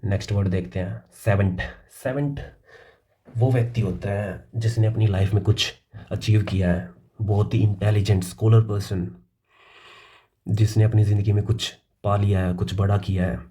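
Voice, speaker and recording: A man explains English vocabulary casually in Hindi, reading the English definitions slowly and addressing listeners as "भाई". His voice sits on the low side, warm in tone, with fairly even intonation.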